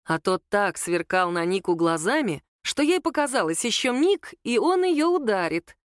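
A woman reads a story aloud in an even, mid-pitched voice. Her delivery is steady and intimate, and the sound is dry and close, with no room echo around it. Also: normal speed. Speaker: narrator. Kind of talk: audiobook story reading.

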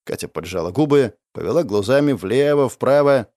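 A man narrating fiction in the first person for an audiobook, expressive and sardonic as he acts out the hero. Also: mid-range voice, normal speed, no echo, clean studio sound.

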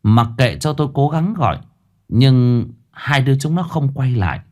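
A man narrating a ghost story in a tense, expressive storytelling manner. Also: mid-range voice, moderate pace.

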